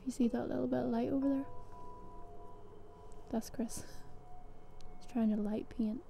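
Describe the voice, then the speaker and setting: A woman chatting on location outdoors, quick and casual. Her voice is very dark and mellow and a little high, with faint outdoor noise behind it. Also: fairly even intonation, gravelly. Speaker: photographer's companion. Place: outdoors at an abandoned building.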